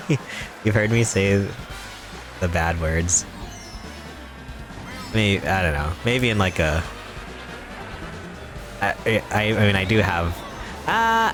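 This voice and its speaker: Young man, streamer, low-pitched, giggly, rambling, playfully mock-serious, casual live chat, game music behind. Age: young adult.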